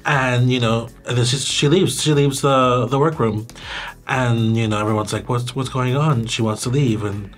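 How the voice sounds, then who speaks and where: A man's voice: mid-range voice, fairly even intonation, moderate pace. A young man co-hosting a casual recap chat, gossipy and laughing, swearing freely. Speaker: podcast co-host.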